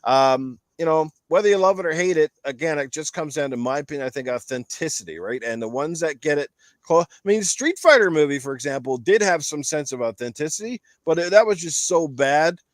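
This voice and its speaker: With a slightly high, expressive voice and a brisk pace, a man hosts a casual podcast panel about games and films, with no room sound. He rambles through his opinions and leans on emphatic repetition.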